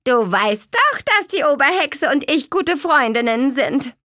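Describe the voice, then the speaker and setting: A woman doing a croaky, touchy raven witch. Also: medium pitch, very animated, a little slow, sharp tone, dry recording, clean studio sound, voice pushed up, exaggerated voice. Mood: huffy.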